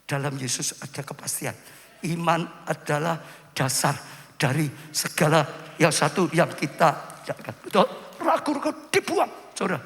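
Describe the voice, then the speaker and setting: A male pastor preaches a theatrical sermon, dropping to near-hush and then rising to shouts as he presses his congregation. His voice rings with a long echo through a large church hall, picked up by the live-stream microphone. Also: a little high, fairly even intonation, unhurried. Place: church sanctuary.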